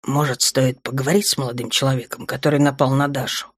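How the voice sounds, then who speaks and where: A woman voicing a tender, possessive dark lord, an adult man, speaking in a low, soft murmur in an audiobook. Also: little pitch movement, quick pace, slightly rough, dry recording. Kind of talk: audiobook character voice.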